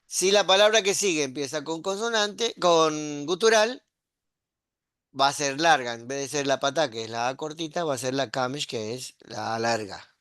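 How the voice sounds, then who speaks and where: A man's voice: on the high side, lively intonation, normal speed, a bit bright, clear, resonant tone, no echo, clean studio sound. A middle-aged man, teaching a Hebrew grammar lesson and often checking in with his students. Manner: patient, explaining step by step with frequent "¿sí?" and "¿ves?" checks.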